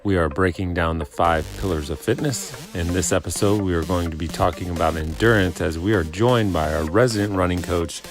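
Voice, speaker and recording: A man's voice: low voice, fairly quick, hardly any pauses, music in the background. A man hosting a casual podcast, joking and teasing his guests in easy banter. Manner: joking, self-deprecating banter. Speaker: podcast host.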